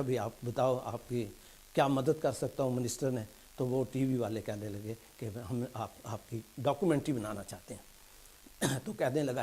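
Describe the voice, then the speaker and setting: A stand-up comedian telling jokes as short stories, mixing in English punchlines and dropping his voice low and soft for quoted replies. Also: husky. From England. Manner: storytelling in Urdu mixed with English punchlines; soft, low asides when quoting characters.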